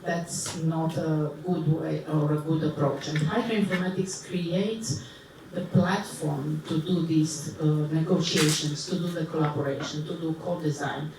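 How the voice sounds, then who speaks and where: Low-voiced woman in an echoey hall. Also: steady tone. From Romania. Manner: thoughtful, many pauses and fillers. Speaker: panelist, professor. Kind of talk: panel discussion answer. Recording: echoey hall, distant mic, background noise.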